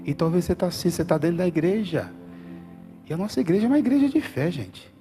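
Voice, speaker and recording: A male pastor with a Brazilian Portuguese accent preaching a fervent sermon in a church, swinging from quiet talk to loud calls and asking for amens. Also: high voice, big pitch swings, fast, faint music behind. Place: church hall.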